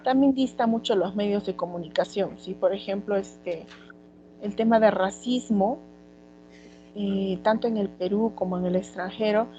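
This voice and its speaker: Peruvian woman teaching a relaxed class. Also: mid-range voice, muffled recording, a little hiss or hum. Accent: Peruvian Spanish. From Peru. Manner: conversational, many fillers like "este". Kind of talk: online class lecture.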